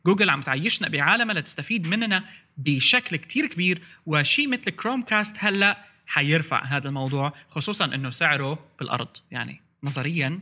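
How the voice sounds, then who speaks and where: A man's voice: on the high side, animated, quick pace, bright, forceful tone. A man with a Levantine Arabic accent chatting casually about tech as a podcast host, mixing English terms into his Arabic.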